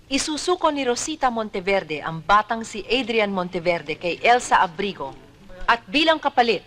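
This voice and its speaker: An actress playing a lawyer formally addressing a judge in a film drama. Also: female voice, mid-range voice, big pitch swings, a bit bright. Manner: formal, measured. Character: composed courtroom lawyer. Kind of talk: formal courtroom speech.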